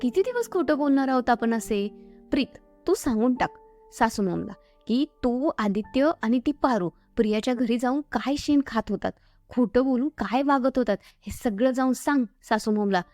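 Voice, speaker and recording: A woman voicing a spoiled, bossy young bride-to-be who shouts and taunts, over faint background music. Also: a little high, expressive, moderate pace, natural voice. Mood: yelling.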